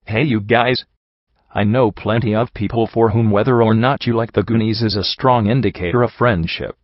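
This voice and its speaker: A man's voice: fairly low pitch, fairly even intonation, fairly quick, dry recording. A man narrating a scripted list of movie recommendations in a wry, playful, upbeat manner. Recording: dull, lo-fi dry sound.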